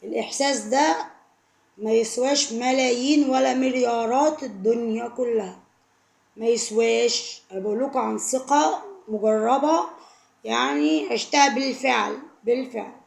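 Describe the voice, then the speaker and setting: A woman's voice: a little high, moderate pace, gravelly, echoey room. A woman with an Egyptian Arabic accent giving heartfelt, emotional advice to camera, pleading and repeating herself for emphasis. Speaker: vlogger.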